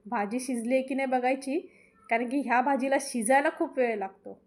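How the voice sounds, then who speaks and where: Woman, high voice, chatty homely cooking vlog voice-over. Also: fairly quick, a little mellow. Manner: chatty and homely, talks straight to viewers. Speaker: cooking channel host.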